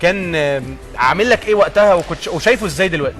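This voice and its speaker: An Egyptian man in his late thirties hosts a television chat, his voice pitched a little high and his words pouring out at a rapid clip. He sounds eager and admiring and laughs easily. Music plays faintly behind him. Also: animated, fairly bright tone. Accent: Egyptian Arabic. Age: late 30s. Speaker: TV host. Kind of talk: TV studio chat.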